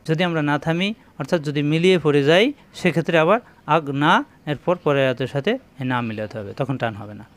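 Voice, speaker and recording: A man teaching Quran reading, sounding out syllables slowly and repeating them, speaking directly to his viewers. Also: a little high. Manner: slow, drawn-out demonstration of letter sounds, repeating syllables; addresses viewers directly with instructions. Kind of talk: spoken Quran reading lesson.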